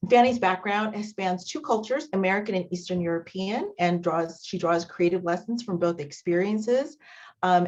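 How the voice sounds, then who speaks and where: A woman hosting a meeting, reading a guest introduction with many um pauses over a video call. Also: lowish voice. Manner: warm filler-laden reading, with um pauses. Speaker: meeting host introducing a speaker. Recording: dull lo-fi video call audio.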